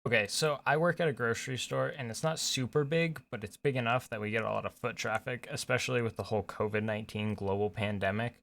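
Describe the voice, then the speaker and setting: A man's voice: mid-range voice, fast talker, gravelly, hardly any pauses, fairly bright tone. A young man telling a work story in a casual, chatty way, often restarting his sentences. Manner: chatty, with frequent restarts and fillers. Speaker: storytime vlogger.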